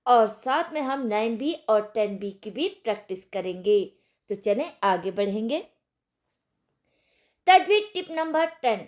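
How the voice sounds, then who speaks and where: A woman's voice: fairly high pitch, a little mellow. A woman teaching an online recitation lesson, patiently explaining and drilling syllables one at a time.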